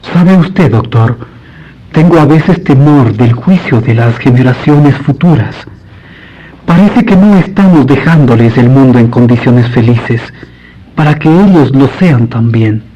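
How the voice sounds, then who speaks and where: A man's voice: mid-range voice, animated. A man playing a devout, courteous priest in a radio drama, speaking formally and earnestly. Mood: earnest, pious. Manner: formal, measured, pious. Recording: dull lo-fi radio recording.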